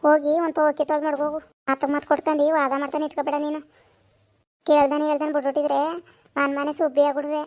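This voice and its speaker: Woman doing a shrill, scolding village mother-in-law, old and quarrelsome, comedy skit. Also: level tone, fast talker, a little mellow. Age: older. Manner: scolding, then wailing in a high pitch. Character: nagging elderly mother-in-law, sharp-tongued and whiny.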